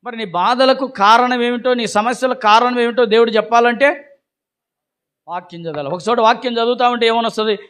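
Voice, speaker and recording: A male pastor preaching a sermon, exhorting the congregation with rhetorical questions and calls to shout hallelujah. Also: very high-pitched, fairly quick, clear, resonant tone.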